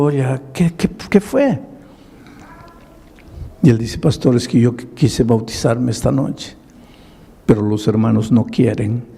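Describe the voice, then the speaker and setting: Male pastor, slow and mellow, dramatic sermon storytelling, big reverberant hall. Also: mid-range voice, gravelly, slightly rough. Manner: slow, dramatic retelling with quoted dialogue. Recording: long reverb of a large hall.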